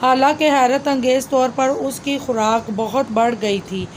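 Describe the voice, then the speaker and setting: A woman storyteller narrating a scripted story in a steady, dramatic way. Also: high-pitched, a little slow, a little hiss or hum.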